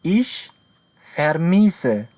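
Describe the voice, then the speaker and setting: Lively language teacher. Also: medium pitch. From Afghanistan. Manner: says German phrases slowly word by word, explains quickly in Dari. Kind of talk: German lesson with Dari explanations.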